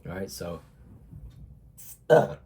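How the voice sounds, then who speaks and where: A man's voice: slow, mellow. A young man with a cold, congested and sniffly, talking casually to camera in a rambling way with many fillers and some swearing. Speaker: vlogger.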